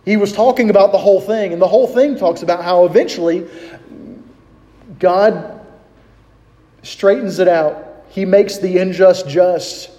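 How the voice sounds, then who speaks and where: High-voiced man preaching in a hall. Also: measured pace, pauses often, warm tone. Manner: conversational preaching with rhetorical questions and reading scripture aloud. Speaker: pastor. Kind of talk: sermon.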